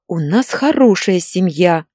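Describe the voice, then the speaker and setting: A woman's voice: mid-range voice, very animated, moderate pace, no room sound, clean studio sound. A woman voicing a hysterical, tearful pregnant young wife who whines and snaps defensively. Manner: whiny and defensive, breaks into shouting.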